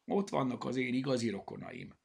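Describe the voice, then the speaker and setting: A man's voice: medium pitch, huge pitch swings, gravelly, a little mellow, husky, heavily acted. A man doing a shy, curious teddy bear.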